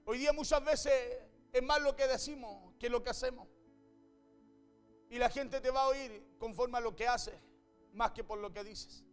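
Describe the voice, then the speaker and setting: A man with a strikingly high voice delivers a fervent sermon. He keeps repeating his phrases for emphasis and reads scripture between his points. His tone is smooth and resonant, with soft music underneath. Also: moderate pace. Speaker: preacher.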